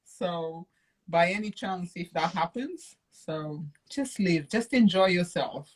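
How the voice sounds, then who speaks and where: A woman from Portugal hosting a live video call from home, chatty and quick to laugh. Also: on the low side, lively intonation. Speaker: live-stream co-host. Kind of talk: casual live-stream chat. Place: at home in London.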